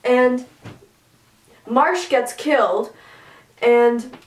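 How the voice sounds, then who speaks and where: A young woman giving a casual, chatty book talk, excitable with quick asides. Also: fairly high pitch, soft background music. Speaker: book reviewer. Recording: roomy, from a distance.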